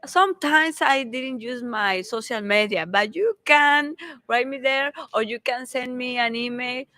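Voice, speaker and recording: A woman's voice: high voice, a little slow, sharp tone, no room sound. A middle-aged woman with a Mexican accent, a native Spanish speaker, answers interview questions in English, hesitating, searching for words and laughing often. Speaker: interview guest, company founder. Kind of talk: casual conference interview.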